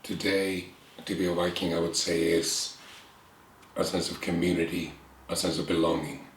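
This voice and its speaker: A guest with an Icelandic accent speaks slowly and earnestly in a candid conversation, reflecting and pausing between short phrases. His voice is low and fairly flat. He sits at a table in an echoey room with bookshelves and a window, and a faint hiss runs underneath.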